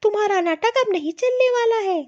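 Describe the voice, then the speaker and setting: A woman plays a young cartoon elder daughter-in-law, fed up and scolding in a very high, thin voice. The audio is slightly dull and lo-fi. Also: brisk, a little mellow. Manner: aggrieved, scolding. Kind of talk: cartoon voice acting.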